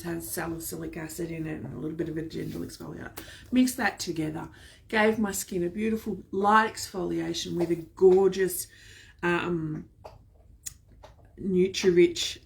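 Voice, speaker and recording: Gravelly-voiced woman gushing over skincare. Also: medium pitch, a little hiss or hum. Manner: chatty, gushing, addresses viewers fondly. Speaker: skincare product seller. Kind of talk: live skincare demonstration. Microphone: camera set at a distance.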